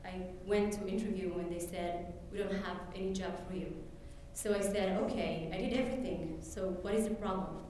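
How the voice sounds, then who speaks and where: A warm, mid-range voice with fairly even intonation belongs to an Ethiopian woman, first language Amharic, telling her personal story at an event hall. She speaks haltingly, with many fillers and restarts. There's slight background noise, and the very echoey room and distant mic make her sound far away.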